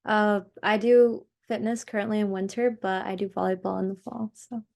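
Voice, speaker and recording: A teenage girl from New Jersey answers questions on a video call. She speaks in a relaxed, everyday way, peppering her sentences with "like.". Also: medium pitch, normal speed, vocal fry. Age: teens. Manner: relaxed, many "like"s. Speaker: student panelist. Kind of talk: casual answers.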